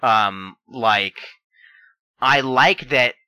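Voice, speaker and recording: Very bright-voiced enthusiastic man. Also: medium pitch, extremely slow, clean tone, no room sound, poor audio. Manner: enthusiastic, hedging. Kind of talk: casual chat.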